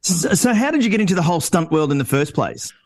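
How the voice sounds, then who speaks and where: A man's voice: fairly high pitch, expressive, fast talker, no room sound. Australian man hosting, close dry sound. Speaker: interview host. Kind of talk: casual interview chat.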